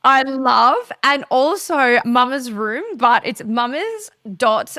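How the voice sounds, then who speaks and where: A woman's voice: high-pitched, animated, slow pace, sharp tone, dry recording, studio quality. A woman hosting a podcast, chatting casually and gushing with enthusiasm, with some swearing. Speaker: podcast host. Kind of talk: casual interview chat.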